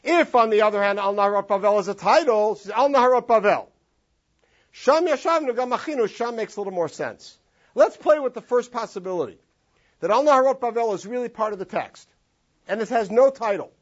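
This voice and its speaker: A man's voice: sits high, fairly quick. A man teaching a classroom text study, drawing out phrases in long sung tones. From Los Angeles. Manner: animated, sings out phrases in long drawn tones. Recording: dull lo-fi classroom recording.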